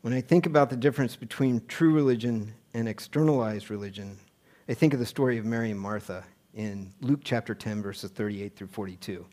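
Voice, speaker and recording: A man's voice: on the low side, brisk, dark tone. A man preaching a sermon earnestly, now and then pressing a point with emphasis. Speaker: pastor.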